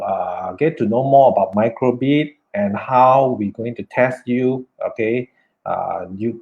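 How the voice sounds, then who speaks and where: A Malaysian man hosts a live online workshop, stalling on "okay" and "uh" as he greets viewers. His voice sits at a middling pitch. The stream audio is dull and lo-fi. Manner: hesitant, many "okay" and "uh" fillers. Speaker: workshop host.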